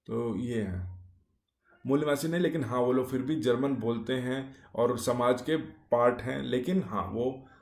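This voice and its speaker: Gravelly and darkish in tone, this man's mid-range voice moves unhurriedly through a casual YouTube explainer. He speaks in short clauses, leaning on fillers and rhetorical questions, in a room with noticeable echo.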